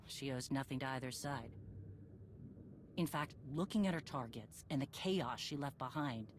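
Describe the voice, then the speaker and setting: For a game cutscene, a woman voices a resolute warrior leader and former bounty hunter who speaks in clipped orders with grave determination. Her pitch is extremely low at a moderate pace, and the recording carries clear background noise and ambience.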